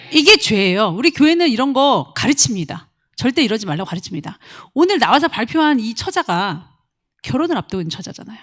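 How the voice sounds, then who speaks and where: A woman pastor preaching a lively sermon, acting out quoted voices and swinging from loud outbursts to soft asides. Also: on the high side. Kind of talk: lively sermon with acted-out examples.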